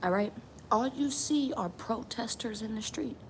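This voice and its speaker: A woman's voice: fairly high pitch, measured pace. A woman from New Mexico speaking out in a casual vlog, emphatic and repetitive, swearing now and then. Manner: emphatic, repeats lines, swears. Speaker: tarot channel vlogger. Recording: steady background ambience noise.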